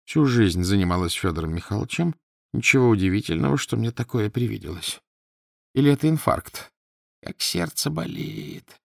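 A man's voice: medium pitch, animated, moderate pace, creaky, dry recording, clean studio sound. A man voicing a frightened old woman scholar who speaks in a trembling, agitated way. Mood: fearful.

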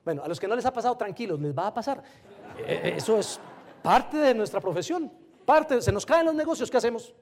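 A man giving an animated motivational talk to a live audience, often firing rhetorical questions at them. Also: very high-pitched, brisk. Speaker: motivational speaker.

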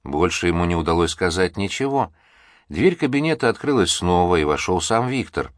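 A man narrating an audiobook in an expressive, measured storytelling manner. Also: deep voice, dry recording, clean studio sound.

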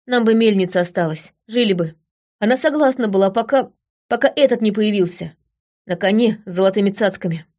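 A woman's voice: medium pitch, darkish tone, natural voice. Woman doing an obsessive, hurt village youth. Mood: aggrieved. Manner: halting, repeats himself, confessional. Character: young village man, hurt, obsessive, brooding.

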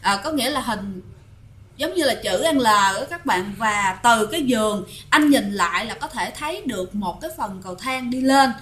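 Chatty bright-voiced woman telling ghost stories. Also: on the high side, expressive, normal speed. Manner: chatty, addresses listeners often. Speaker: ghost story narrator. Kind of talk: casual storytelling to listeners.

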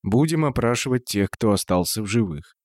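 A man's voice: on the low side, expressive, a little fast, darkish tone, no room sound, natural voice. A man voicing a composed, middle-aged male investigator who speaks politely with dry irony.

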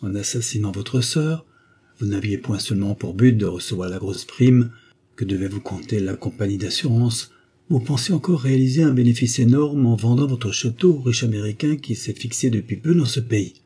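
A man reading a novel aloud, voicing a cold, commanding noble duchess in a raised, forceful voice. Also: medium pitch, normal speed, husky, voice pushed up, close to an everyday voice. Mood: cold, stern. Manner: stern, commanding, solemn. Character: imperious cold-hearted noble duchess, woman. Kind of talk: audiobook character voice.

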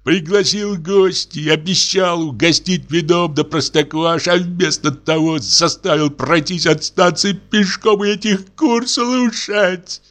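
A man's voice: high-pitched, measured pace, hardly any pauses, a bit bright, pitched above the performer's own voice. A man reading aloud and voicing an indignant, exhausted guest who grumbles about his host. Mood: fuming. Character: weary, thirsty male guest, grumbling and indignant.

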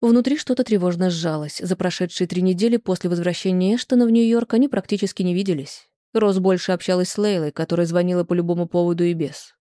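An audiobook reader narrating a romance novel in a measured, even way. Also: mid-range voice, no room sound, clean studio sound.

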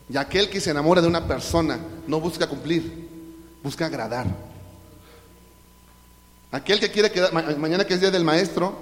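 Mexican pastor preaching in echoey hall. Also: male voice, fairly high pitch. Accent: Mexican Spanish. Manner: swings from loud preaching to hushed asides. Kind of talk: sermon. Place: large church hall.

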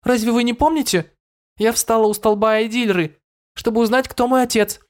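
A man's voice: very high voice, fairly even intonation, moderate pace, voice pushed up. A man putting on a headstrong young girl. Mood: insistent. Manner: insistent, blunt. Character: headstrong girl demanding to know her father.

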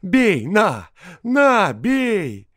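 A man reading an audiobook, voicing a poor peasant man who shouts and curses in despair. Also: huge pitch swings, very slow, dry recording, clean studio sound, heavily acted. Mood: desperate. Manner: shrill, cursing, wailing. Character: desperate ragged peasant man, furious and reckless.

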